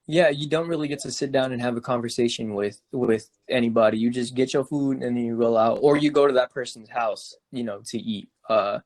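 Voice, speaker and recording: A young man chatting on a casual podcast. He tells his story loosely, fills it with "like" and restarts his sentences, at an ordinary pitch. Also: a little fast, hardly any pauses. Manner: animated storyteller, full of "like" and restarts, laughs often. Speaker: podcast co-host.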